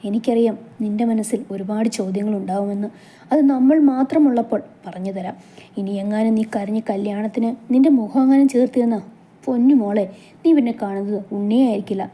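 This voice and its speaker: A woman's voice: mid-range voice, dark tone, close to an everyday voice. A woman doing a tender, teasing young man.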